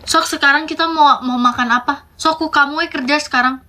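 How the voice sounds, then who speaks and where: A woman's voice: sits high, fairly even intonation, bright, forceful tone. Woman doing a nagging Sundanese mom. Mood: scolding. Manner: nagging, drawn-out scolding. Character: scolding poor Sundanese mother, exasperated.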